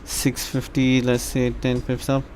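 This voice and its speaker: A man from India casually commenting on a live stream, chatting to his viewers in a relaxed way. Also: medium pitch, measured pace, faint music behind. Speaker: live trading stream host.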